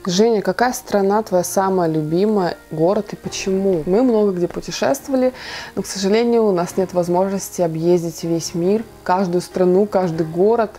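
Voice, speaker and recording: A young woman from Kazakhstan vlogs from a small bedroom, reading out viewer questions and answering them chattily in a casual Q&A. Her mid-range voice has a dark tone and moderate pace, with soft music in the background.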